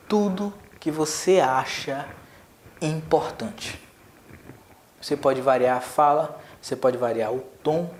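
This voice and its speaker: Emphatic guy coaching public speaking, repeats stuff for stress, roomy echo, faint hum behind. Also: a little mellow. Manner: emphatic, varies pitch and pace, repeats phrases for stress. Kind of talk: direct-to-camera lesson. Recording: echoey room with faint ambience.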